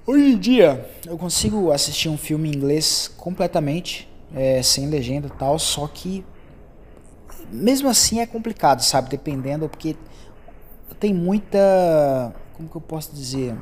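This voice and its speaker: A man's voice: on the high side, expressive, measured pace, a little mellow, a little hiss or hum. A young Brazilian man with a Brazilian accent, hosting a solo podcast and chatting loosely as he drifts from topic to topic. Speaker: podcast host. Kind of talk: casual solo podcast chat.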